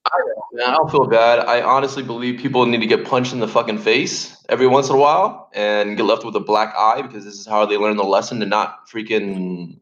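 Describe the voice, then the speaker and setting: A man talks bluntly and swears freely in a loose chat. His voice sits on the low side. The voice chat sound is dull and lo-fi. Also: steady tone, a little fast, few pauses, fairly bright tone. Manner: blunt, profane, laughs between points. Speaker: Discord voice chat participant. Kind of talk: casual chat. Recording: lo-fi voice chat audio.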